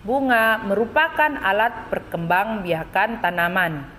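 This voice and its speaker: A woman teacher reading a children's textbook dialogue aloud, lifting her voice high and lilting for two young schoolchildren. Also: expressive, unhurried, a bit bright, long reverb tail, a little hiss or hum. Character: two young schoolchildren chatting about flowers.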